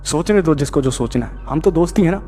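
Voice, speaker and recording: A man's voice: on the high side, lively intonation, fast talker, mellow, soft background music, voice pushed up, close to an everyday voice. A man voicing a mysterious young woman in a horror audio story, coaxing and insistent, in a slightly raised voice.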